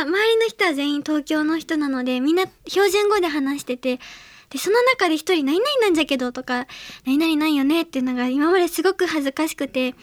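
Very high-voiced young woman radio host. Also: dry recording. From Hiroshima, Japan. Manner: chatty and earnest, many small fillers. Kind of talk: solo radio segment talk.

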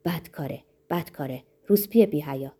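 Brief: a woman playing a raving wild young man in a spoken storybook, lowered dark voice, harsh. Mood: furious. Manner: harsh, spitting insults.

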